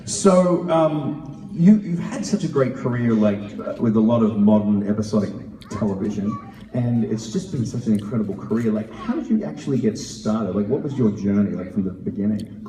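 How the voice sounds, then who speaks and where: A man's voice: on the low side, moderate pace, dark tone. A man from Australia moderating a convention Q&A, casual and jokey, with many fillers. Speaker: panel moderator. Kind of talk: convention Q&A interviewing. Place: large convention hall with audience. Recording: reverberant hall, distant mic, crowd and noise.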